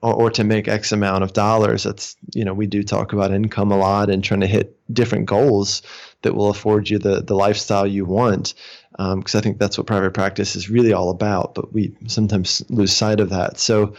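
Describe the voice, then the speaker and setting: Male business coach, lower register, calm reflective interview guest. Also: a little fast. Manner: calm, reflective, with frequent restarts and fillers. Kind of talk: casual interview talk.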